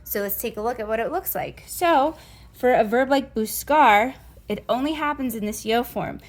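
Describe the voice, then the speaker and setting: A woman's voice: a little high, normal speed. A woman teaching a recorded Spanish lesson, mixing Spanish phrases into her English explanations and often checking in with a reassuring "okay?".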